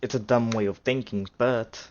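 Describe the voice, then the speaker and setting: A man's voice: medium pitch, steady tone, normal speed, dull audio, slight background noise. A man reacting to a video in casual, rambling talk, full of fillers and second-guessing himself. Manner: rambling, unsure, full of fillers and self-corrections. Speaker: reaction streamer.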